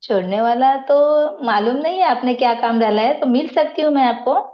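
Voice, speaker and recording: A woman speaks with a slightly high voice over dull, muffled video call audio. She role-plays a casual family phone call, pausing and restarting hesitantly as she goes. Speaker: training participant.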